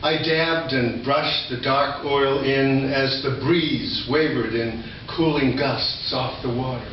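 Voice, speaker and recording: An older poet reads his work live at an indoor venue, adding informal spoken introductions, recorded from a distance. His mid-range voice is slow with fairly even intonation, and the audio is echoey, dull and noisy from a distant mic.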